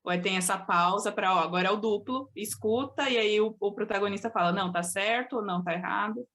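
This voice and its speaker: A woman's voice: mid-range voice, fairly quick, fairly bright tone, a little hiss or hum. A Brazilian woman student asking a question in a study group, thinking aloud in hesitant phrasing. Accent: Brazilian Portuguese.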